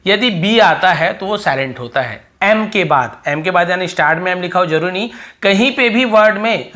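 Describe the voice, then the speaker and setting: A man's voice: high-pitched, pushed and bright. A man with an Indian accent teaching English spelling rules, explaining patiently and repeating each example word again and again. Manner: repetitive, emphatic, drills each example word. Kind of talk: classroom lesson explanation.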